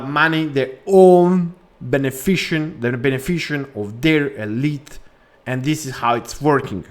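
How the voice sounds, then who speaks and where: Male vlog host, non-native English, fervent and preachy, repeats himself for emphasis, slightly raised pitch. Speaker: crypto channel host. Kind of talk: opinionated vlog rant.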